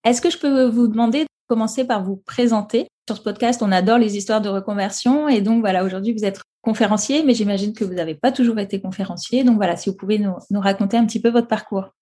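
A woman who is a career coach, hosting her podcast and introducing a guest in a clear, welcoming presenter delivery. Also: medium pitch, fast, hardly any pauses, dark tone. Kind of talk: scripted podcast intro and interview.

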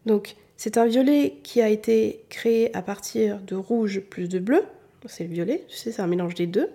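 A woman from southern France, working as a color analysis teacher, chats her way through an informal color lesson aimed directly at the listener. Her mid-range voice is mellow and slightly rough, moving at a moderate pace.

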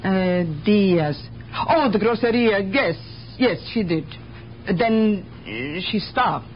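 The clip is a dull 1970s radio mystery broadcast with faint background noise, where a woman acts the part of a guarded, plain-speaking immigrant who is world-weary and uses broken grammar. Her mid-range delivery is slow and expressive, and the mood is confiding yet resigned.

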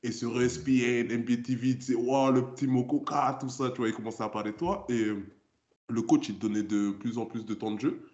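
A man's voice: medium pitch, brisk. Male podcast host in an echoey room. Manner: relaxed, asks follow-up questions. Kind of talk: conversational interviewing. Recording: roomy, dull-sounding recording.

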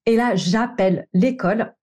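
With a fairly high, mellow voice at normal speed, a woman in her thirties recounts her career path as a coach and podcast host. She comes from the Paris region of France and narrates in a frank, chatty monologue sprinkled with slang.

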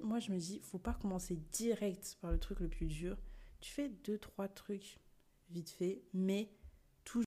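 A woman's voice: on the low side, dark tone. A young woman hosting a podcast, talking casually and expressively to her listeners, tossing in English words. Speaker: podcast host. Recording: poor sound quality.

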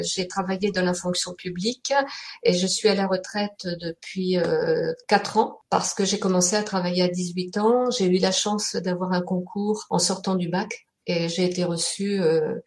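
A retired woman in her sixties introduces herself in a measured, hesitant way. Her voice sits a little low. Faint noise runs behind her. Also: darkish tone. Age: 60s. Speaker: interview guest. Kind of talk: casual self-introduction.

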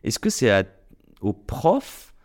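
A man's voice: mid-range voice, wildly swooping pitch, slow. A young man hosting an interview podcast, asking chatty, probing questions. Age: young adult. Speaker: podcast host.

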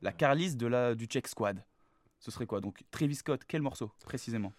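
A man with a medium-pitched voice hosts a casual interview in a dry, close recording. He puts his questions informally, using everyday slang. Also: moderate pace, dry recording. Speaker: interview host.

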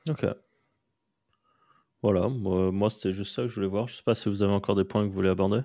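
A man co-hosting a podcast, speaking in a relaxed, casual way with short interjections. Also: lowish voice, quick pace. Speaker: podcast co-host.

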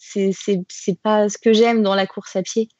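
A woman's voice: medium pitch, level tone, unhurried, darkish tone, dry recording. A woman guest recounting a race in a casual interview, talking animatedly with many fillers and restarts. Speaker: podcast guest, trail runner. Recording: dull lo-fi sound.

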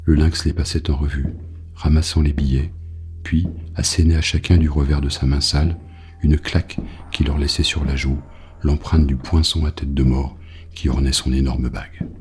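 Very deep-voiced, grave male narrator. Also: a little mellow, husky. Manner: grave, measured reading. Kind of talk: audiobook narration.

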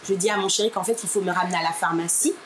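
Talking rapid-fire in a lowish voice, a Martinican woman shares a personal story as an interview guest, voicing the people she quotes and addressing the listener again and again as "my dear." A radio presenter is involved, with steady crowd noise in the background.

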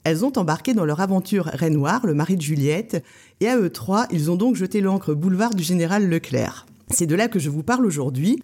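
A woman's voice: on the low side, a little mellow. A woman hosting a podcast interview, reading a scripted intro and then prompting her guest with friendly questions and short acknowledgements. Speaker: podcast host. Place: small shop, behind the till.

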